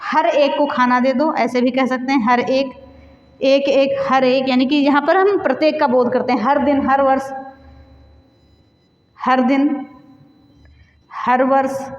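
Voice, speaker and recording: High-voiced woman teaching grammar, echoey. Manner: repeats examples and asks then answers her own questions; mixes English words into Hindi. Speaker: Hindi teacher. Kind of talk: exam-prep grammar lesson. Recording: echoey, dull recording in a reverberant room.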